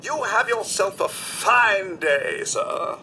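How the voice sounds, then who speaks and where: A man's voice: high voice, animated, slow pace, bright, forceful tone, a little hiss or hum, heavily acted. An actor playing a polite, courteous male robot butler in a game, with a formal manner and stock phrases.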